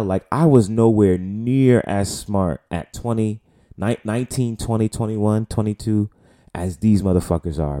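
This is a Bronx native in his late twenties with a New York accent, hosting a solo podcast in a casual way. His voice is lowish and mellow, and he rambles loosely, swearing freely and leaning on plenty of fillers.

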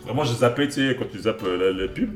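A man's voice: medium pitch, lively intonation, fast, roomy sound, faint music behind. A man co-hosting a casual chat, recommending songs and films with enthusiasm, rambling through lots of fillers and restarts. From Belgium. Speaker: podcast co-host.

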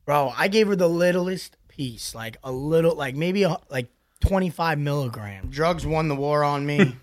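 Animated man telling a story on a podcast. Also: a little high, normal speed, no echo, studio quality. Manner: animated storyteller, laughs often. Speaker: podcast co-host. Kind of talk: casual chat.

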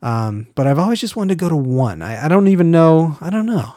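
A man's voice: a little high, very animated, a little fast, warm tone, dry recording, clean studio sound. A man co-hosting a podcast, rambling in casual chat and trailing off with "blah, blah.". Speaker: podcast co-host.

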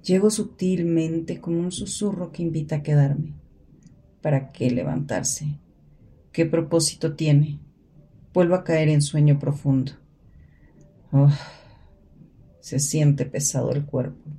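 A woman's voice: sits low, slow, long pauses. A woman voicing the murmured inner monologue of a drowsy, self-blaming young woman caught in depression. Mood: drowsy, heavy. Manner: soft, murmured, sleepy delivery.

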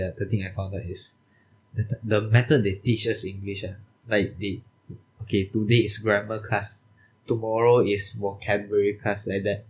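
A man's voice: on the low side, slightly rough, poor audio. A young man with a Malaysian Chinese accent chatting casually in colloquial English, switching into Mandarin and ending phrases with particles. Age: young adult. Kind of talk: casual chat.

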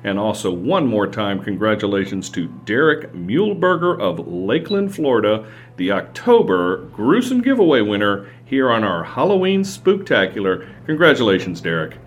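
A man's voice: lowish voice, sing-song, moderate pace, lo-fi sound. A man hosting a show in a folksy, showman-like way, announcing with emphatic phrasing. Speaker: radio show host. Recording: faint music behind the voice.

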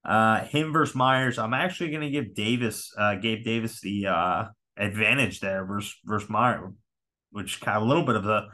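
A man's voice: fairly low pitch, moderate pace, pushed and bright. A man hosting a solo podcast in casual chat, talking in a rambling, profane, frank way. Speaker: fantasy football podcast host.

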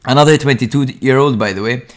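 A young man co-hosting a football podcast, giving frank, animated match analysis in casual chat, with the odd swear word. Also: medium pitch, fairly quick.

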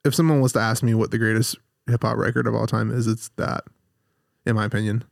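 A man's voice: lowish voice, fast talker, creaky, no echo. Dry-miked man telling a story. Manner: storytelling, animated when recounting. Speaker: podcast host. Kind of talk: casual chat.

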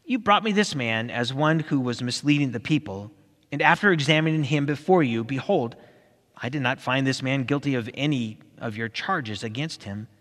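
Brief: male reader voicing a measured Roman governor, reasoning and plain, long reverb around him. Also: medium pitch, lively intonation, a bit bright, close to an everyday voice.

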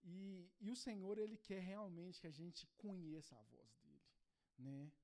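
Man in his thirties, pastor, relaxed conversational sermon, from Brazil, personal stories. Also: high voice, measured pace, vocal fry. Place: church.

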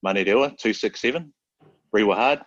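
A relaxed New Zealand man with a very low voice, talking easily as a podcast guest. He is loose and slangy and keeps saying "bro". The recording sounds dry and a bit dull. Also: fairly quick, no room sound. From South Auckland, New Zealand. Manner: laid-back, slangy, peppers every phrase with "bro". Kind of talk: casual chat.

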